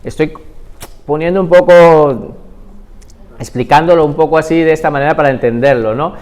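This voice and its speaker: A man teaching a Bible class, retelling stories in a lively way and asking the class rhetorical questions. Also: fairly high pitch, normal speed. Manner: animated storytelling with rhetorical questions.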